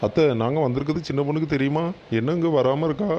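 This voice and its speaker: A man's voice: a little high, fairly even intonation, quick pace, warm tone, muffled recording, slight background noise, lightly acted. A man playing a pleading son-in-law in a cartoon, coaxing. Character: pleading son-in-law, eager to bring wife home.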